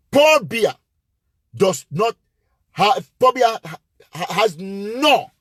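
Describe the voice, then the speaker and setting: Husky male host, impassioned and repetitive live address, animated and fairly high-pitched. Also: no room sound, clean studio sound. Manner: emphatic and repetitive, hammering points with rising force. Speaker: live-show host and political commentator.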